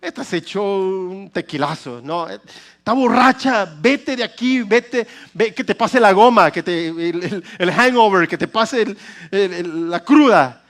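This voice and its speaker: A preacher doing a mocking old priest. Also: male voice, high-pitched, animated, a little slow, a bit bright. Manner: teasing, jokey. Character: mocking old male priest scolding a woman.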